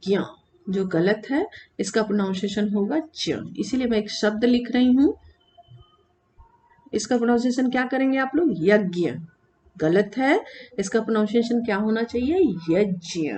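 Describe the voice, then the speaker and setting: A woman teacher giving a lesson to children, her voice sitting a little high. She stretches sounds out slowly to show how they are said, then asks the class and answers herself. A faint hum runs under the recording. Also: darkish tone. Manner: slow, drawn-out demonstration of sounds; addresses children, asks and answers own questions. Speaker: Sanskrit teacher.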